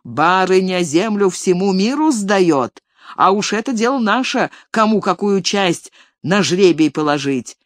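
A reader voicing a defiant young peasant man who shouts angrily in an audiobook story. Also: mid-range voice, expressive, a little slow, dry recording, studio quality, pitched above the performer's own voice, natural voice. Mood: angry. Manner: loud, angry.

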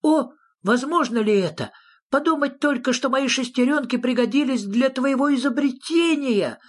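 A reader voicing a jittery little creature, high and pleading. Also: steady tone, moderate pace, fairly bright tone, close to an everyday voice. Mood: delighted. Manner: nervous, pleading, near tears. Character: small anxious eager male creature, nephew. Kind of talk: audiobook reading.

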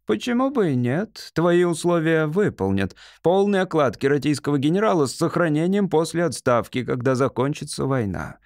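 A man's voice: on the high side, big pitch swings, moderate pace, gravelly, hardly any pauses, darkish tone, no echo, pitched above the performer's own voice. A man reads out a scheming alien general with a lifted, silky voice that takes its time over every offer. The general sounds smug and persuasive, a commander who is sure of the bargain. The voice is dry and close, with no room sound at all. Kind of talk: audiobook character voice.

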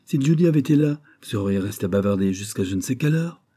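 A man's voice: lowish voice, expressive, quick pace, mellow, breathy edge. A man voicing a jealous, bullying middle-aged rich husband who talks in a resentful, blustering and insistent way. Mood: angry resentment.

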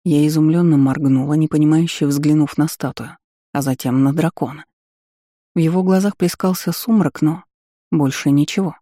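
Man reading an audiobook, warm dark tone, very dry close sound. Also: fairly high pitch, fairly even intonation, moderate pace, dry recording. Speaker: audiobook narrator. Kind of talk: scripted first-person narration.

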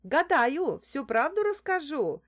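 Woman doing a squeaky theatrical fortune-teller. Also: very animated, slow, exaggerated voice. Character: young woman bodyguard disguised as a shrill fortune-teller.

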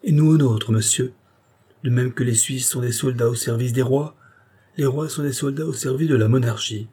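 A man's voice: normal speed, mellow, husky. A man reading aloud, voicing a proud, frightened queen who speaks haughtily and indignantly. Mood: haughty. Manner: haughty, indignant, rising pitch.

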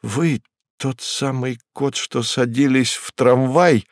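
A man voicing a weary, gentle male writer who speaks softly and hesitantly. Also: medium pitch, slow pace, no echo, clean studio sound, voice pushed up. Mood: hushed. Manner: soft, hushed, hesitant.

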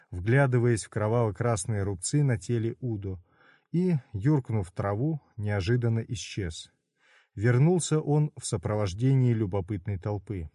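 Man narrating in a mellow, dark voice. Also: fairly low pitch, no room sound, clean studio sound. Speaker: audiobook narrator. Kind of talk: scripted narration.

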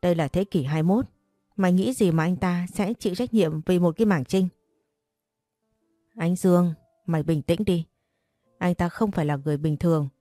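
A woman's voice: fairly low pitch, normal speed, long pauses, mellow, dry recording, studio quality, soft background music, lightly acted. A woman voicing a blunt, coarse young woman who is the narrator's best friend, in an audiobook story. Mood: pushy.

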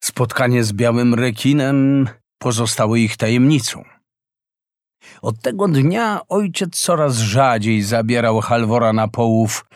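A man reading a fairy tale aloud as a slow, expressive storyteller in a close, dry recording. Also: mid-range voice, no room sound. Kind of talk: scripted fairy-tale narration.

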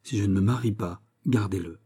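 A man's voice: fairly low pitch, a little fast, dark tone, husky. A man voicing a solemn young nobleman. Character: earnest young male nobleman, proud.

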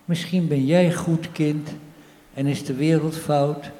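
A man voicing a patient mother, answering her unborn child in calm, measured replies. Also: fairly high pitch, pitched above the performer's own voice. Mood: serene. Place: church. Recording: reverberant church hall.

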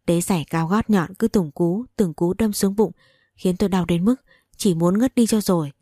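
A woman reads a first-person novel aloud with emotional, dramatic storytelling. Her voice is low and mellow. The recording is dry and close. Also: normal speed, dry recording. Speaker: audiobook reader.

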